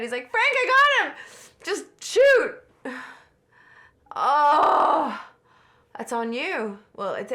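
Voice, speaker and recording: A woman reacting to a film as she watches it, casual and excitable, gasping and talking back to the screen. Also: a little high. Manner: excitable, exclaims and gasps at the screen. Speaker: movie reaction host.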